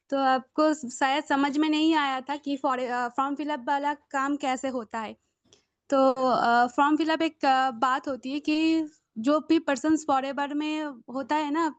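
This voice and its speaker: A woman student answering her trainer's question on an online class, hesitant with many pauses. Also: sits high, no room sound, highs cut off. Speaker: sales student.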